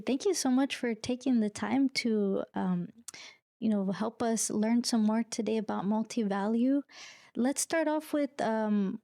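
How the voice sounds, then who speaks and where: A woman hosts a podcast interview in a friendly, upbeat way. Her voice sits fairly high but has a mellow, warm tone. The sound is dry and close, with no room echo. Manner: friendly, upbeat, laughs often. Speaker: podcast host.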